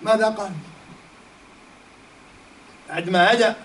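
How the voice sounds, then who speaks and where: High-voiced man teaching. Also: steady tone, unhurried, fairly bright tone. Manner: storytelling with rhetorical questions. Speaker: Islamic teacher. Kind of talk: religious lesson. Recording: distant mic, faint background noise.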